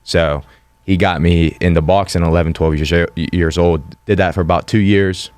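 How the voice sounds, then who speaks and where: A young man in his twenties from western Pennsylvania, a podcast guest talking about himself in a matter-of-fact way. His voice is very low and flat but smooth and clear, and the recording is dry and close. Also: normal speed, no room sound. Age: 20s. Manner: plain, matter-of-fact storytelling. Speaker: guest, fighter. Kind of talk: casual interview.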